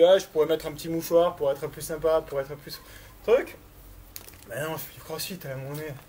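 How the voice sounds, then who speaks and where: A woman's voice: deep voice, a little mellow, slight background noise. A woman coaching a workout in a chatty, encouraging way, counting reps aloud and exerting herself as she talks. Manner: chatty, encouraging, thinking aloud with little filler sounds. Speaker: fitness instructor leading a workout.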